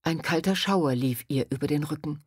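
A woman narrating a story in calm, measured audiobook style. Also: sits low, breathy edge, no room sound, studio quality.

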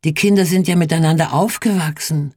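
A reader voicing a frail, gentle older village woman in a storybook reading, soft and earnest. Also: medium pitch, steady tone, a little fast, no room sound, clean studio sound, pitched above the performer's own voice, close to an everyday voice. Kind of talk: audiobook reading.

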